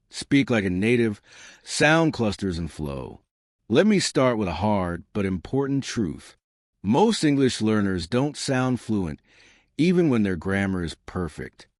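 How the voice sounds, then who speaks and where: A man giving scripted English lessons in short, emphatic, measured phrases. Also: on the low side, no room sound, studio quality. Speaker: English pronunciation teacher. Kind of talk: scripted instructional narration.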